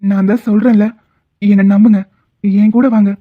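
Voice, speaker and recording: A woman's voice: mid-range voice, flat delivery, moderate pace, lightly acted. Woman as firm, protective male doctor, cartoon drama, tinny phone-like sound. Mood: firm reassuring. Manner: reassuring, firm. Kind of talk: cartoon voice acting.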